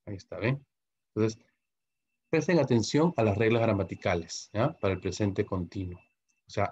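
A man with a Peruvian Spanish accent explains English grammar in a low voice, tagging nearly every phrase with "¿ok?" or "¿no?". He spells letters out one by one and translates every example. The sound is muffled, like a lo-fi online class recording. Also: a little mellow. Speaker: English teacher.

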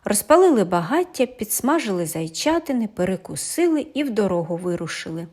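A woman reading a fairy tale aloud in an animated, expressive storytelling manner. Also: medium pitch, fairly quick.

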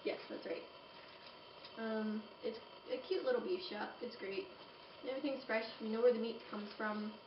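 A woman's voice: fairly high pitch, fairly even intonation, moderate pace. A young woman narrating a casual cooking demonstration in her home kitchen, chatting and making playful asides as she works. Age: young adult. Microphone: camera across the room. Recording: roomy, distant, dull home video audio with background hiss.

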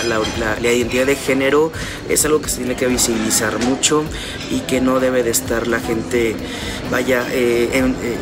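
A man in his forties with a Mexican accent, speaking as an interview guest in a measured, hesitant way. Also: medium pitch. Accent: Mexican Spanish. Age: 40s. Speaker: interview guest, retired athlete. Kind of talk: casual interview. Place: indoors, large stone-walled public building.

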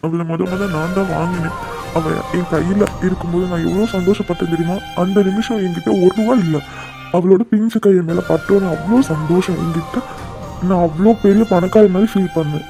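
A man voicing a loving father in a cartoon, crying over his daughter. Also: high-pitched. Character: grieving loving father, emotional. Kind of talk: cartoon voice acting.

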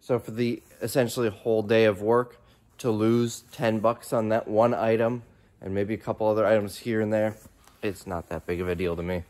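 Inside a big warehouse and storage space, a reseller vlogger in his thirties chats casually into a phone held at arm's length, rambling and thinking out loud. His voice is lowish and darkish, with little pitch movement and a moderate pace.

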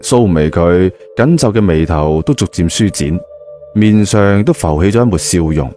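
Here a man with a Hong Kong Cantonese accent delivers colloquial audio-novel narration, low-pitched yet animated. His tone is warm, his pace normal, and faint music sits underneath.

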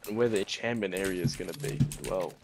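Low-ish voiced guy cracking dry jokes in game chat, noisy. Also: quick pace, vocal fry. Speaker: gaming friend. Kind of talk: casual gaming chat.

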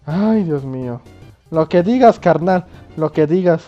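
A man doing loud, excitable let's play commentary, swearing and yelping often. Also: on the high side, a little slow, lo-fi sound, faint music behind. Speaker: gamer playing on video.

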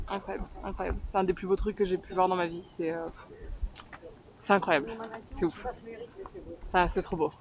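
A woman talking to the camera in a casual travel vlog, enthusiastic and emphatic, repeating herself for effect. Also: mid-range voice. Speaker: travel vlogger. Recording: dull lo-fi sound with crowd behind.

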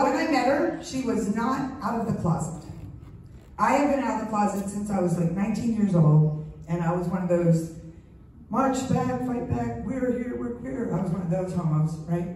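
A woman's voice: mid-range voice, mellow, far from the mic. A middle-aged woman doing a stand-up comedy set, telling stories in a chatty way and acting out sounds and voices. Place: comedy stage before a live audience. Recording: echoey stage, mic heard from afar with faint noise.

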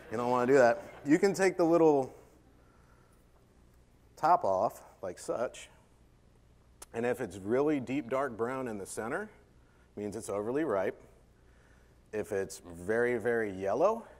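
A man's voice: medium pitch, darkish tone. A man, a chef, giving a live cooking demonstration on a conference stage, joking and chatting with the audience. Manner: joking, chatty, self-deprecating, playful with the audience. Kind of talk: live cooking demo keynote.

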